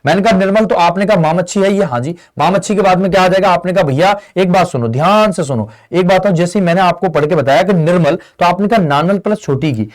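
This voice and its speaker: Speaking in a voice on the high side, a man runs an online exam-prep class on Hindi grammar. He asks the students questions and then responds as if he were them, calling his audience friend and brother.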